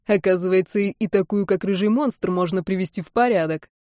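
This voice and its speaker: A woman's voice: mid-range voice, a little mellow, no echo, studio quality, lightly acted. A woman doing a sneering young man. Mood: mocking. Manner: mocking, slow drawl.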